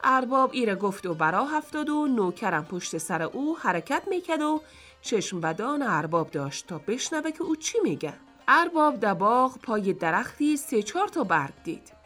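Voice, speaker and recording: A woman reading a folk tale for radio in a lively, expressive way. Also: fairly high pitch, soft background music. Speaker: radio storyteller.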